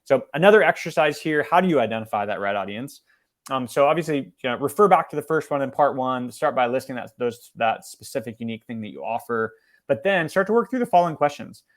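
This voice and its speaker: A man presenting a marketing lesson, talking fast and conversationally, with many fillers and restarts. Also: medium pitch, animated. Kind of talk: webinar presentation.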